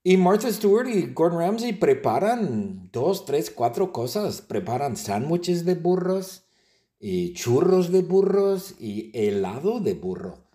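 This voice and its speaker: A man's voice: fairly high pitch, sing-song, takes it slowly, mellow. A man telling a playful, repetitive story in simple words for language learners.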